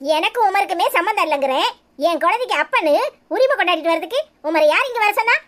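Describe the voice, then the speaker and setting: A performer voicing a stubborn, sharp-tongued pregnant young woman in a cartoon comedy, with a Tirunelveli Tamil accent and a scolding manner. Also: extremely high pitch, animated, fast. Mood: angry. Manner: defiant, scolding.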